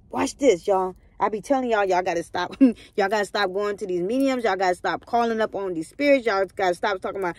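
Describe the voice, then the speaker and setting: Reading a Bible story for her casual vlog, a young woman keeps stopping to preach with emphasis and call out to whoever's listening. Her voice is mid-range and somewhat dark in tone, with no room sound.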